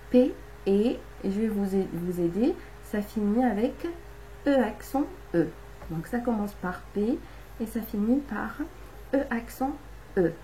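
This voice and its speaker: Slow, patient woman teaching children. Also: medium pitch, dark tone, a little hiss or hum, rough recording. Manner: slow, patient, syllable-by-syllable explanations. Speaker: primary school teacher. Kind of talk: remote lesson for young children.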